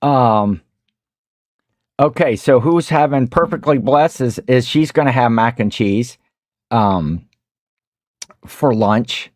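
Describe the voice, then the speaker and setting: A man's voice: mid-range voice, slow pace, long pauses, dry recording, clean studio sound. A man with a Midwestern American accent hosting a casual livestream, rambling while he eats and greets viewers in the chat. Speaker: host of a reseller livestream.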